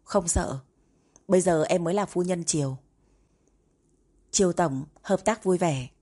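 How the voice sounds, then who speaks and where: A woman reading the lines of a proud young wife, pert and indignant, in a slightly husky voice. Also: fairly low pitch, measured pace, mellow. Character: proud, spirited young wife, quick to bristle.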